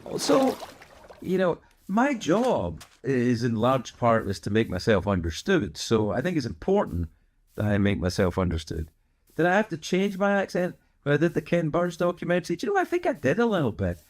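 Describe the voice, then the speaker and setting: A man with a light Scottish accent, softened by years in America, answering viewer questions in a rambling, digressive chat full of fillers and restarts. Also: on the high side, wildly swooping pitch, normal speed. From Scotland. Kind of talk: casual chat.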